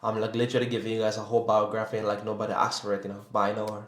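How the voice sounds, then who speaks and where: Fast-talking young man reacting, echoey room. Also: on the low side, monotone. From Sierra Leone. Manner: rambling, heavy on "like" and "you know". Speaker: YouTube reactor. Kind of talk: casual reaction commentary.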